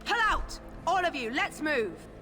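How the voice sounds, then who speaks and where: Female adventurer, fantasy game. Lively intonation, measured pace, poised in combat, noisy background. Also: high-pitched, soft background music, heavily acted. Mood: urgent. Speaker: game character. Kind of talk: fantasy video game acting.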